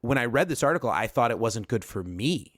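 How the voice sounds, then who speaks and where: A man's voice: medium pitch, lively intonation, fairly quick, fairly bright tone, no echo, studio quality. A man on a podcast telling a long, rambling story, often breaking off and circling back. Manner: rambling storyteller, self-interrupting. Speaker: podcast co-host. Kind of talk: casual podcast chat.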